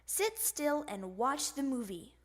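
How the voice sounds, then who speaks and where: A woman's voice: high-pitched, big pitch swings, slow, full character voice. A woman voicing a firm, scolding father frog in a picture book read-aloud. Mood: stern.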